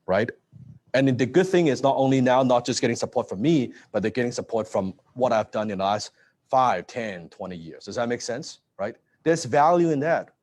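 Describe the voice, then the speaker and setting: A man's voice: mid-range voice, moderate pace. Guy in his late 30s doing a live business talk, lots of "right?", restarts words, mid voice. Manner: energetic, repeats words and asks "right?". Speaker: presenter.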